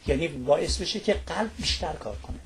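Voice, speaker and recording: A man's voice: on the high side, expressive. A man explaining a topic as a studio guest on a talk show. He lectures in long lists and keeps checking in with his listener through little tag questions.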